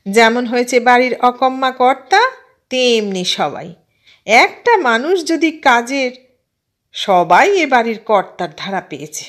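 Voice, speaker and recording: In an audio story, a woman voices an older housewife, a boastful, complaining aunt who scolds and belittles her husband with self-important, emphatic exasperation. She pitches the character a little high, above her own natural voice.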